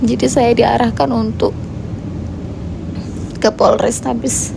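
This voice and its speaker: A woman gives a personal account for a news report, her voice high and full of fry. She talks slowly in halting, fragmented phrases with a dark, mellow tone. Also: level tone, background noise. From Medan, Indonesia. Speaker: mother filing a police report.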